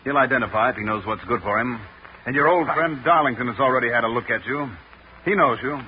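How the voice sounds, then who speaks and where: A man plays a tough police sergeant in a vintage radio crime drama. He is blunt, accusing and commanding, at a middling pitch, on a dull recording with faint noise. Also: fast, natural voice. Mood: confident, accusing. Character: hard, blunt male homicide police sergeant. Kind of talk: old-time radio crime drama acting.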